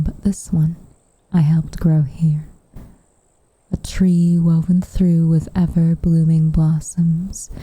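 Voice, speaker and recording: A woman voices a gentle witch in intimate, half-whispered roleplay ASMR, her mood wistful and tender with a guarded tenderness. She speaks in a soft, breathy, measured way, her lowish, very mellow voice often dropping to a whisper. The close-miked recording is dry and low in quality, with no room sound and insects chirping behind her.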